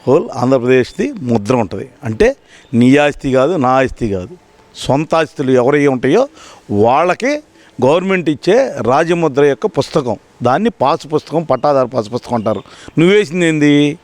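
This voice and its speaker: A man's voice: medium pitch, sing-song, normal speed, a little mellow, dry recording. A man from the public, giving heated, sarcastic answers full of rhetorical questions in a political street interview. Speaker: member of the public giving his opinion.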